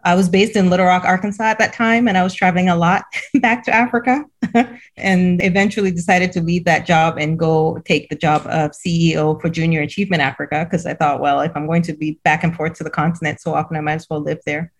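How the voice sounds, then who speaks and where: A woman's voice: on the low side, steady tone, a little fast. A middle-aged woman from Cameroon, a school CEO, telling her story in a casual interview, laughing often and repeating words as she goes.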